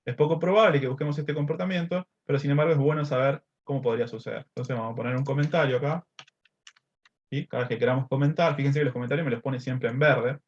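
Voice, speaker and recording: A man's voice: mid-range voice, steady tone, fast talker. A male math teacher walks through code on screen one step at a time. His voice sits in a middle range, and he keeps checking in with his class. The audio is a little dull and lo-fi, as if taken from a computer microphone. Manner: explains step by step, checks in with "¿sí?" and "este". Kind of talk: screen-recorded coding lesson.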